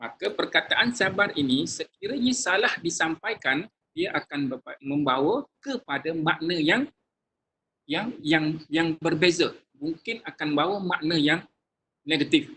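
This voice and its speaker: A male religious teacher giving a lecture to a class, lively and acting out sample phrases in changing tones, addressing listeners warmly with frequent religious phrases. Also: a little high, unhurried, a little hiss or hum, rough recording.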